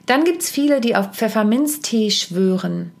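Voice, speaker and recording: Middle-aged woman chatting on her podcast mic, a bit of fry in the voice, direct and chatty, corrects herself as she goes. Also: a little high, lively intonation, unhurried. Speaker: podcast host and stage coach. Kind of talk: casual spoken podcast advice. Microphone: podcast microphone.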